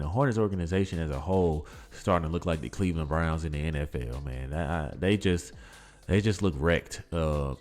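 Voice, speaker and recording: A man's voice: sits low, a little mellow. A man hosting a sports podcast, talking through the news loosely with lots of fillers and rhetorical questions. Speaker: podcast host. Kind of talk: casual sports commentary. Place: home setup, voice-over on photos.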